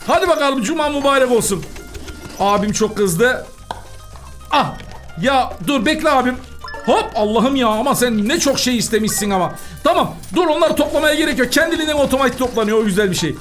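A man hosting a gaming channel, giving excitable, chatty commentary while he plays and talks to the customers in the game. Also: very high voice, fairly quick, soft background music.

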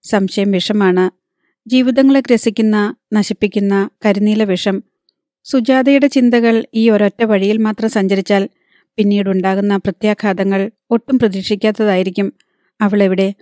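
A woman narrating a novel as an audiobook in a measured, dramatic reading. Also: medium pitch, fairly even intonation, dark tone, no room sound, studio quality.

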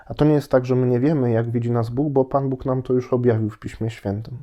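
A priest with a cold giving a short, unhurried Lenten meditation from his home, pausing often with hesitations. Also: medium pitch, steady tone, mellow, dull audio. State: has a cold. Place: at home, indoors.

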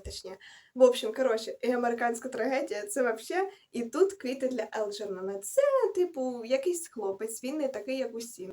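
A young woman rambling casually through her book reviews in a vlog, correcting herself and adding slangy asides as she goes. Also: fairly high pitch. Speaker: book vlogger.

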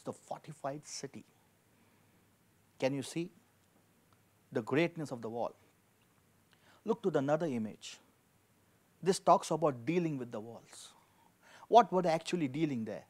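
A middle-aged male pastor delivers a sermon at a lectern in an indoor studio with a dark backdrop, speaking into a handheld mic. His voice is medium-pitched and somewhat dark, and he speaks emphatically, repeating key phrases and posing rhetorical questions.

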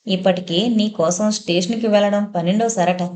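Woman playing a motherly elder sister, gently chiding, mellow, audio novel. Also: medium pitch, fairly even intonation, normal speed, natural voice. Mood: amused. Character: warm fussing elder sister and housewife.

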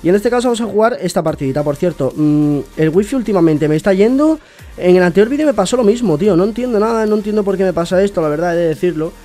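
A young man, chatting excitedly to viewers while opening game rewards. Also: high voice, fast, soft background music. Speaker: gaming YouTuber. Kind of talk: casual gameplay commentary.

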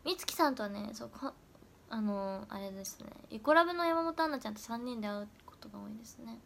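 A young woman, an idol trainee, chatting casually on a livestream and answering viewer comments, often dropping into soft whispers. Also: fairly high pitch, lively intonation, fast, creaky, slight background noise. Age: young adult.

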